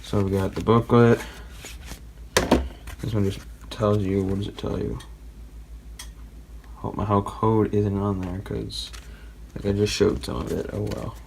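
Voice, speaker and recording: A man hosting a casual tech video, thinking aloud as he unpacks old software and gets an old computer ready. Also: fairly low pitch, little pitch movement, measured pace, vocal fry, pauses often. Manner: rambling, hesitant, thinking aloud. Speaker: tech hobbyist host. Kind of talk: casual commentary while unboxing and building a PC. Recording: noisy home recording.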